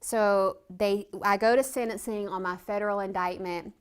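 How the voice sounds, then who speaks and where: A woman's voice: fairly even intonation, normal speed, clear, resonant tone. Woman telling her recovery testimony. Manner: storytelling, acts out quoted voices with big pitch jumps. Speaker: reentry speaker. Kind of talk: personal testimony talk.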